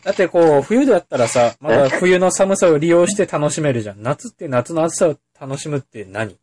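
A man's voice: fairly high pitch, expressive, brisk, a little mellow. A man co-hosting a casual chat show, blunt and skeptical in his opinions. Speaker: podcast co-host. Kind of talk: casual banter among friends.

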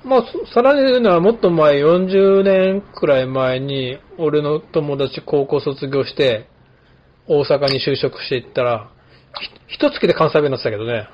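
A man from Kumamoto, Japan, in his late fifties, who works as a barber and hosts a podcast, tells stories casually with lots of fillers. He speaks at a moderate pace in a fairly high voice, with slight background noise on a somewhat dull lo-fi recording.

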